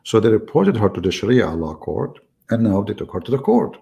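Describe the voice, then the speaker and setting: A man with an Arabic accent argues on a live stream, his low voice gravelly and dark. He keeps repeating short phrases and cuts in on the caller with emphatic, insistent lines. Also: big pitch swings, fairly quick. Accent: Middle Eastern Arabic. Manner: repetitive, interrupting, emphatic. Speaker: live-stream debate host. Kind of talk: heated live-stream debate.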